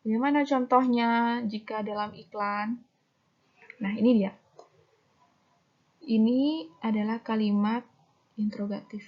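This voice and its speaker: A woman's voice: a little high, darkish tone. Lo-fi woman teaching a lesson. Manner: explains step by step, reads examples aloud with fillers. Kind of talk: recorded lesson on ad language. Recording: dull lo-fi recording.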